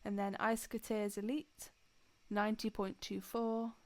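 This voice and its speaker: A woman co-hosting a podcast in casual chat, jokey and quick to read out scores. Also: medium pitch, level tone. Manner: chatty, jokey, reads out scores. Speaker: podcast co-host.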